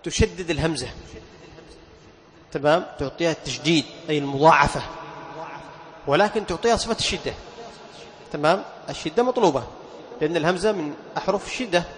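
High-voiced male teacher in a reverberant hall. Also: fast, long pauses. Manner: explains patiently, repeats key points, asks rhetorical questions. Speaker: Quran recitation teacher. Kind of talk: classroom lesson on tajweed.

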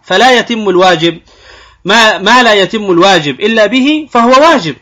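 A man with a high, bright voice teaching a religious lesson. He explains rulings step by step, raising questions for his listeners and then answering them himself. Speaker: Islamic jurisprudence teacher.

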